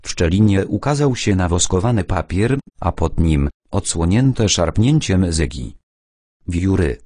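Deep-voiced male audiobook narrator. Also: lively intonation, darkish tone, no echo, clean studio sound. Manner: measured storytelling. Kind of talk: first-person novel narration.

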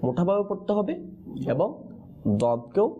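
A man teaching the pronunciation of Quranic letters in a lesson, pausing on questions so his students answer in chorus. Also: high-pitched, sing-song, narrow, tinny audio. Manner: call-and-response teaching, prompting answers with questions.

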